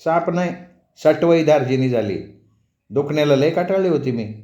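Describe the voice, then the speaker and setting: A man's voice: a little high, lively intonation, normal speed, mellow, natural voice. A man voicing an elderly village woman, a mother who talks in rustic, scolding but fond village speech. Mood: amazed. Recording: dull, roomy recording.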